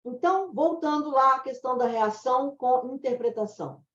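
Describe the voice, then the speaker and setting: A woman's voice: sits high, normal speed, fairly bright tone. A Brazilian woman teaching dubbing translation in a chatty, explanatory way. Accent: Brazilian Portuguese. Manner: chatty, explanatory, laughs at own anecdotes. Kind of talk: informal online lesson. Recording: roomy, dull lo-fi sound.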